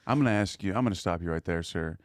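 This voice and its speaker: A man's voice: low voice, racing, darkish tone, no room sound, studio quality. A man co-hosting a podcast, telling a wry, exasperated story in casual chat.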